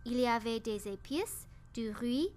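A woman reading a children's story aloud, slow and careful. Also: on the high side, animated, a little mellow. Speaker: narrator.

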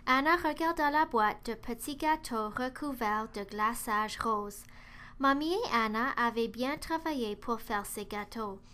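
A woman reading a children's storybook aloud, slowly, clearly and carefully. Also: on the high side, sharp tone. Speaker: narrator.

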